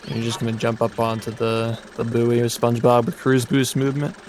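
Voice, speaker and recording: A man gives live speedrun commentary in a flat, even tone. He lays out each step matter-of-factly, with a faint hiss in the background. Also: medium pitch, fairly quick. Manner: steady, matter-of-fact explaining.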